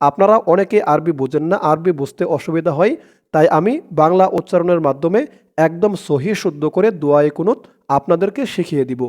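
A man with a Bangladeshi Bengali accent giving a recitation lesson, explaining briskly and then chanting each phrase slowly. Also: high-pitched, darkish tone. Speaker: religious teacher.

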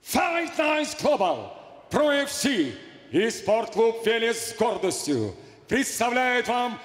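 An older man working as a ring announcer, formally and theatrically announcing a fight with drawn-out shouts. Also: very high-pitched, very animated. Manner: grand, theatrical, building to shouts. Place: cage in a large indoor arena. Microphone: handheld microphone. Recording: echoey arena PA with long reverb.

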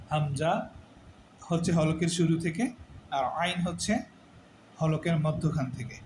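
A man teaching a Quran pronunciation lesson, slowly repeating syllables and quizzing the listener on each rule. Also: on the high side, echoey room, noisy background. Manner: slow, repeats syllables and asks questions to drill pronunciation. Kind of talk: tajweed lesson.

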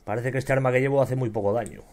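A young man with a Spain Spanish accent commenting on his gameplay, excitable and swearing often as he shouts at enemies. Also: medium pitch, very fast. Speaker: gamer.

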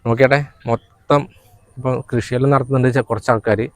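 A man's voice: mid-range voice, fairly even intonation, quick pace, no echo. A man with a northern Kerala accent chatting casually and colloquially on a vlog, explaining local spots. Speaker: vlog companion, father. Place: outdoors beside fields and water.

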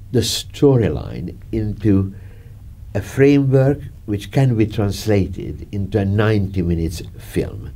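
In a dark studio, an older film director with a Hungarian accent sits in an armchair for a reminiscing interview. His voice is deep and mellow, and his manner is chatty and halting, with laughter and gestures.

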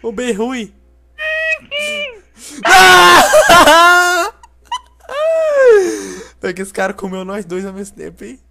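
A young man with a Brazilian Portuguese accent playing an online game with a friend, loud and excitable, yelling at the screen. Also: high voice, a little slow, vocal fry, pauses often. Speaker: gamer. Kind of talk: excited co-op gameplay chatter.

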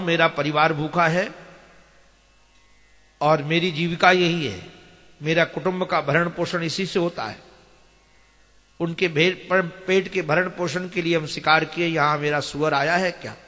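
Man in a swami's sermon role, slightly high voice, chants verses between teacherly explanation, recorded in a reverberant hall. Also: sharp tone. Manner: addresses listeners directly, teacherly. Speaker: swami giving scripture discourse. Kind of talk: devotional sermon with storytelling.

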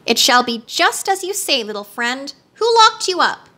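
A woman voicing a friendly, calm male scarecrow with a mild, reassuring manner in a storybook. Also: high voice, moderate pace, exaggerated voice.

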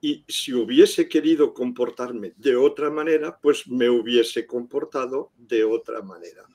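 An older man from Catalonia, Spain, whose first language is Catalan, joins a video call from a room at home as a guest scientist, heard through a webcam. His mid-range voice is a little mellow, and he talks in an unhurried, hesitant way with many fillers.

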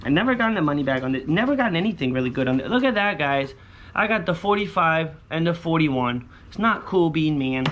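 Casual man chatting over clear outdoor noise. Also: fairly high pitch, fairly bright tone. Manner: repetitive, slangy, hopeful muttering. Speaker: vlogger scratching lottery tickets. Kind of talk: casual chat to viewers. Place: outdoors on a covered poolside patio.

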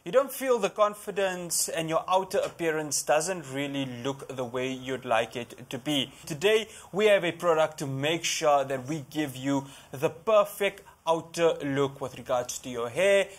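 Upbeat young South African presenter. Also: male voice, measured pace, hardly any pauses. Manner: upbeat sales pitch. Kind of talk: TV shopping presenting. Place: TV studio set.

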